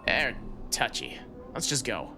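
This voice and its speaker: A man voicing a wary male companion in a fantasy game, speaking low and urgently. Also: very animated, unhurried, over music. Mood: warning.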